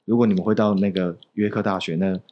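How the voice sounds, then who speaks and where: A man's voice: deep voice, steady tone, quick pace, lo-fi sound. A young Taiwanese man with a Taiwanese Mandarin accent, a podcast guest telling loose, rambling anecdotes with frequent chuckles. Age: young adult. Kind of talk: casual chat.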